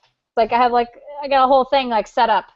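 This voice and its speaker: A chatty woman from California talks casually on a podcast after-show, her voice sitting a little high. She tells stories in an animated way, full of fillers. The audio is slightly dull and lo-fi. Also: fast. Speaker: podcast co-host.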